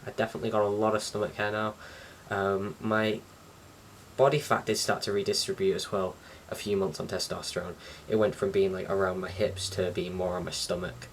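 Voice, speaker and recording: Talking to camera in a brisk, level tone, a low-voiced young vlogger comes across informal, slightly hesitant, and rambling. The mic sits at a distance and catches faint background noise.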